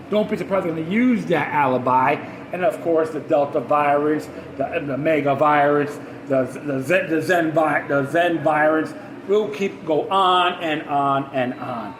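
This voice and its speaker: Reading the news on his podcast, this man rants, tosses in sarcastic remarks and trips over his words. His voice is high-pitched, and the room sounds echoey, with noise in the background.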